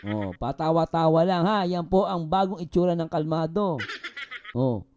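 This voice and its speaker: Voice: mid-range voice, expressive, normal speed, a little mellow, a little hiss or hum. A vlog host reacting to a video clip, mocking and exasperated, full of repeated interjections. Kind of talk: reaction commentary.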